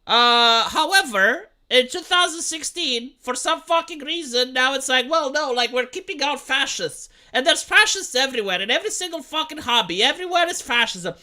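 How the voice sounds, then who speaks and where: A Romanian livestreamer in his or her thirties rambles to chat in casual commentary, profane and full of restarts. The voice sits high with lively intonation and a sharp tone, moving at normal speed with few pauses.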